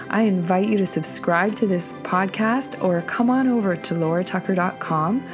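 Speaking solo on her podcast, a woman gives an earnest, deliberate, reflective monologue. A cold has lowered her voice.

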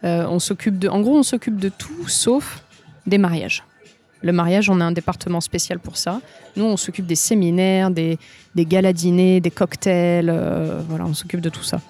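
A woman's voice: on the low side, moderate pace, a little mellow. A woman from France, an interview guest, explaining things at length with frequent hesitations. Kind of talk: conversational interview.

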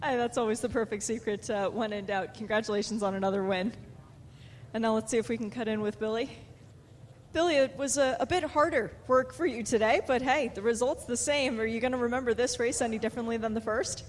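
A woman's voice: a little high, fairly quick, a little hiss or hum. A woman reporting from pit lane, interviewing winners in a breezy, joking manner. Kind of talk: post-race interviews.

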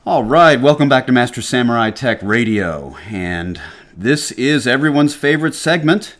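A man's voice: medium pitch, lively intonation, moderate pace, noisy background. A middle-aged man from Georgia with a Southern accent, hosting a casual radio talk show and lecturing emphatically, with frequent restarts. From Atlanta, Georgia, US. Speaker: podcast host.

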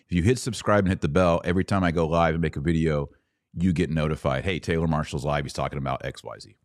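A very deep, steady-toned male voice talks fast on this dry, clean studio recording. The man hosts a commentary podcast, reading aloud and responding live with emphatic, sarcastic mockery.

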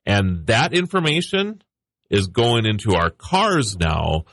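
Male co-host, lower voice, dry close studio sound, keen and chatty. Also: big pitch swings, takes it slowly, fairly bright tone, no room sound. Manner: chatty, enthusiastic, laughs easily. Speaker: radio show co-host, tech contributor. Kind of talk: casual on-air chat.

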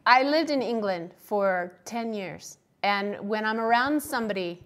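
Chatty woman sculptor, quick laughs. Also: medium pitch, expressive. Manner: chatty, laughs often, slows down to stress points. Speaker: guest sculptor and instructor. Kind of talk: casual interview chat.

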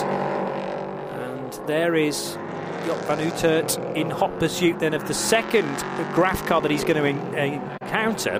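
A man commentating live on a motor race as a motorsport commentator. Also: on the high side. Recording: clear trackside engine and vehicle noise. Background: car engines and outdoor track ambience.

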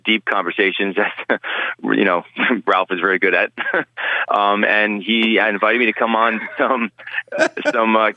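A man with a very deep voice speaks as a guest on a podcast interview. He talks in an earnest, rambling way, restarting his sentences often. The sound is dry and muffled, like lo-fi call audio. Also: little pitch movement, a little slow, dry recording. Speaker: guest, paranormal investigator.

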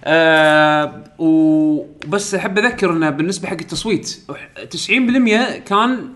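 A young man with a Kuwaiti Arabic accent, hosting a casual gaming podcast and talking fast with frequent laughs. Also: fairly high pitch, a bit bright. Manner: rapid, chatty, laughs often. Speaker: podcast host.

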